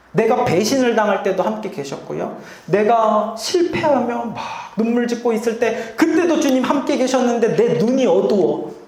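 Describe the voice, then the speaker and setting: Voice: mid-range voice, darkish tone, roomy sound. A pastor preaching a sermon in a church, often putting rhetorical questions to the congregation. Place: church sanctuary.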